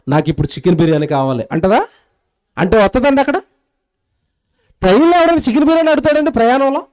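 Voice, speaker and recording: A man preaching a sermon in a lively storytelling way, acting out the voices of the people in his story. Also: high voice, poor audio. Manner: animated storytelling, acts out quoted voices.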